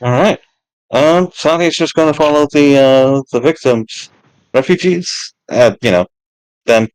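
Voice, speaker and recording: A man's voice: mid-range voice, measured pace, a little mellow, clear, resonant tone, dry recording, low-quality recording. A tired man playing a tabletop game, meandering and searching for words. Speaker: player. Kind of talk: casual game chat.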